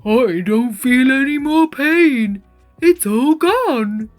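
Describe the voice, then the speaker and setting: A woman voicing a big male storybook crocodile, humbled and grateful, with a loud, emphatic, drawn-out delivery. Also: high-pitched, lively intonation, faint music behind. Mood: relieved.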